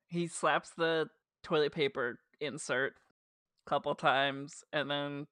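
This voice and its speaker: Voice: mid-range voice, fairly even intonation, slow, fairly bright tone, dry recording, studio quality. A podcast co-host with a New Jersey accent, chatting casually and retelling scenes with lots of "like" fillers. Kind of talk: casual chat recapping a show.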